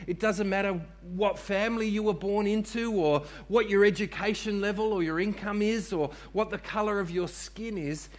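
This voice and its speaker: A man preaching a sermon to a congregation in church, repeating key phrases for emphasis and calling on listeners to respond. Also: high-pitched. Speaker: pastor.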